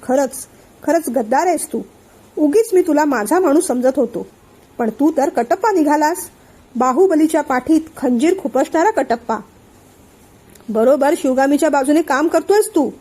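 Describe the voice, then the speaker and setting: A woman's voice: sits high, animated, moderate pace, dark tone. A woman voicing an angry, suspicious young man who keeps firing accusing questions. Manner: accusing, hot-tempered questioning.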